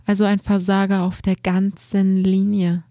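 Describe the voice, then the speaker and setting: A woman voicing a gruff, disapproving old male shopkeeper who questions a boy sternly in an audiobook. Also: mid-range voice, level tone, moderate pace, warm tone, no echo, studio quality, pitched above the performer's own voice, natural voice. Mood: stern, probing. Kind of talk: audiobook character voice.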